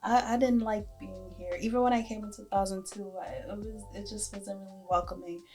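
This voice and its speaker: A woman talks in a relaxed, easygoing way, dropping casual slang and laughing often. Her voice sits at an ordinary middle pitch, with faint music playing behind her. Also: brisk. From Brooklyn, New York. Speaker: realtor guest. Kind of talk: casual chat.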